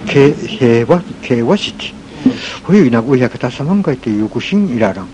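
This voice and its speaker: A man with an Okinawan accent telling a folk tale in a halting way, pausing often with fillers. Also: medium pitch, very animated. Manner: halting, with many pauses and fillers. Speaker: folk storyteller. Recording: noisy recording with ambient hiss.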